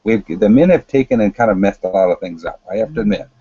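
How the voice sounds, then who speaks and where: A man giving an unscripted spiritual talk in a calm, earnest, deliberate way, repeating phrases as he goes. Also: lowish voice, husky, no room sound, dull audio. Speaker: spiritual teacher.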